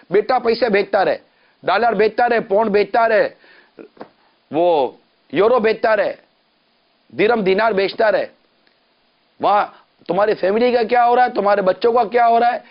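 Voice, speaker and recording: A man's voice: high voice, muffled recording. A man preaching a televised sermon, emphatic and rhetorical, piling up lists and repeated questions. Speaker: Islamic preacher.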